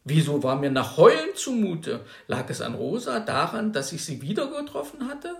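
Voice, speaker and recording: A man reading a novel aloud, telling a first-person story in an animated way. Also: fairly high pitch, normal speed, gravelly, roomy sound. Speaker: reader. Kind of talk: literary reading.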